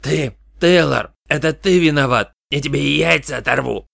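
A man voicing a beaten-up private detective who threatens loudly in a slightly raised voice. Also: on the high side, moderate pace, vocal fry, no room sound, clean studio sound, pitched above the performer's own voice, exaggerated voice. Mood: furious. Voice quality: loud, threatening, a little raised. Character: battered, furious male private detective.

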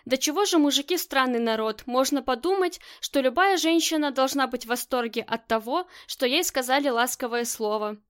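High-voiced woman reading a novel. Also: moderate pace, few pauses, a bit bright, clean tone. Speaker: audiobook narrator.

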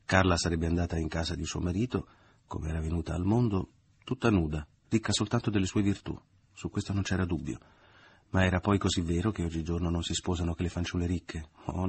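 A man narrating a novel in a measured literary reading. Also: low-pitched, husky. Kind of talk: audiobook reading.

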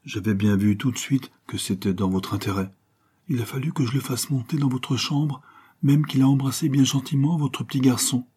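A man's voice: mid-range voice, fairly even intonation, moderate pace, a little mellow, voice pushed up, close to an everyday voice. Man voicing a gushing older landlady. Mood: voluble. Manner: effusive, gushing, breathy whispered asides. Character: voluble kindly older woman, boarding-house landlady. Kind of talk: audiobook character voice.

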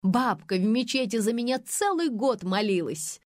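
Woman putting on a shrill spiteful scheming woman. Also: expressive, normal speed, a little mellow, no room sound, studio quality, natural voice. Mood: bitter confession. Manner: shrill, mocking, vengeful. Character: brash scheming woman, former friend, spiteful. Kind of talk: audiobook character voice.

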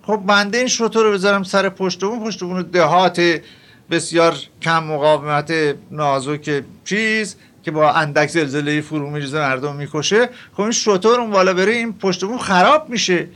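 A man's voice: high voice, steady tone, a bit bright. An older man voicing a reluctant male disciple who argues with his master, told within a lecture. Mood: objecting. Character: reluctant grown male disciple, full of excuses.

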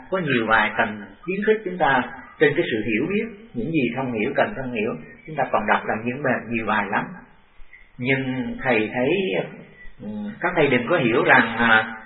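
Older male monk, halting dharma talk; distant, tinny, echoey tape. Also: mid-range voice. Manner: halting and deliberate, repeating phrases. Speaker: monk teacher.

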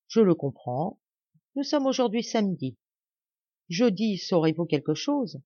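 A woman's voice: mid-range voice, sing-song, a little slow, mellow, dry recording. A woman reading the lines of a cold, scheming young noblewoman who gives firm orders, in a slightly dull, dry recording. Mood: commanding.

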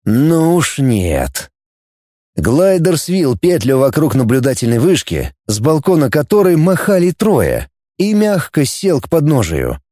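Animated male audiobook narrator. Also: on the high side, moderate pace, hardly any pauses, no echo, clean studio sound. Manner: animated, expressive reading. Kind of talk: scripted narration.

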